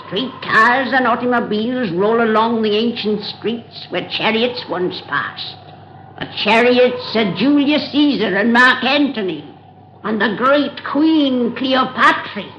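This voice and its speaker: A woman's voice: on the high side, takes it slowly, a little hiss or hum. An actress playing a cackling 109-year-old witch who drawls out her spooky tales in folksy, ungrammatical speech, in a 1930s radio play. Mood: gleefully eerie. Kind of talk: 1930s radio drama narration. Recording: roomy, dull vintage radio recording.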